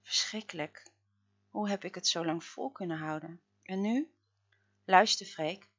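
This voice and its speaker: A woman narrating a story in the first person, dramatic, swinging between loud outbursts and hushed murmurs. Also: lowish voice, measured pace, dull audio.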